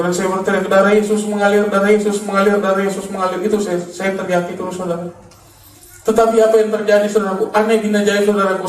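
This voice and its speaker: A former gangster from Makassar, Indonesia, gives a fervent preached testimony, repeatedly calling his listeners "saudaraku," meaning brother. His voice is high-pitched with a darkish tone, recorded on a distant mic in an echoey room.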